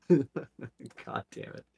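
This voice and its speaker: A man's voice: drawn-out words, warm tone. A man co-hosting a casual podcast chat, rambling with many fillers and restarts.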